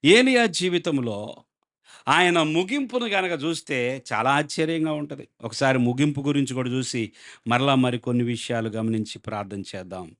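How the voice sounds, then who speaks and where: A man's voice: mid-range voice, moderate pace, a bit bright. A male pastor preaching a sermon with a Telugu accent, asking the congregation questions and acting out the people in his story. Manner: dramatic, acts out quoted voices, asks the congregation questions.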